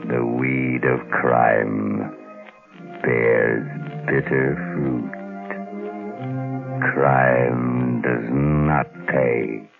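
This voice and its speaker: The shadow, very deep gravelly menacing drawl, tinny old radio. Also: male voice, fairly even intonation, very slow, long pauses, music in the background, heavily acted. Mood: ominous. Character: sinister mocking male crime-fighter, the Shadow. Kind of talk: 1930s radio drama acting.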